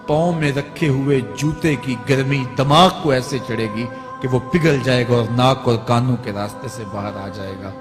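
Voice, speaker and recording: A man preaching an Islamic sermon with dramatic swings between fervent cries and low, grave tones. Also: steady tone, few pauses. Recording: long hall reverb with faint music.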